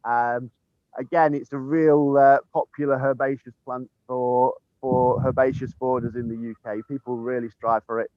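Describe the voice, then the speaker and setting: Here the head gardener walks and films a sunny garden on his phone, chatting casually and chuckling often between ums. He has a mid-range voice with flat delivery at normal speed, and the recording is dry and lo-fi.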